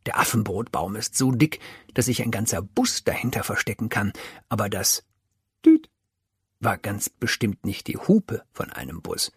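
A man narrating a children's audiobook, telling the story slowly and with life. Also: lowish voice, breathy edge, no room sound, clean studio sound. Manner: slow, lively storytelling.

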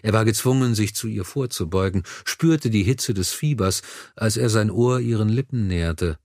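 A man reading a historical novel aloud in a measured, dramatic narration. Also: lowish voice, a little mellow, dry recording, clean studio sound. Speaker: audiobook narrator. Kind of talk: scripted narration.

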